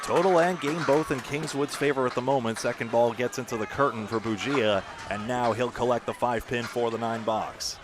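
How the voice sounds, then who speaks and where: A man doing live play-by-play commentary for a bowling match, with lively bursts of excitement on big shots. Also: medium pitch, moderate pace, few pauses.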